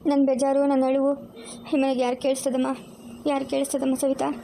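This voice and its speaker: A woman's voice: high-pitched, completely flat delivery, creaky, warm tone, a little hiss or hum. Woman playing a tearful grieving older mother. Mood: anguished. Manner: tearful, slow and sorrowful pleading. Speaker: mother Akhilamma. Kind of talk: amateur family drama acting.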